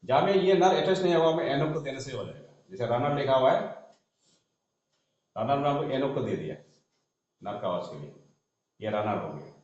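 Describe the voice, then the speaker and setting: A man explaining shorthand in a classroom, spelling out letters as he writes and often trailing off softly. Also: medium pitch, lively intonation, normal speed, pauses often. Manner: talks while writing on a board, spells letters aloud, trails off softly. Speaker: shorthand teacher. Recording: echoey dull room recording.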